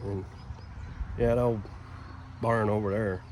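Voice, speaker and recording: A man's voice: lowish voice, flat delivery, takes it slowly, poor audio. A man chatting in a folksy, rambling, joking way for a casual comedic vlog, recorded outdoors in a rural yard. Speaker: video creator. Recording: loud outdoor background noise.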